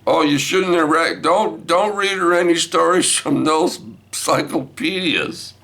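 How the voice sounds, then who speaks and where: A man mimicking his wife yelling accusing questions from another room. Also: on the high side, measured pace, gravelly, voice pushed up. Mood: scolding. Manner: accusing, yelled. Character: scolding wife yelling from kitchen.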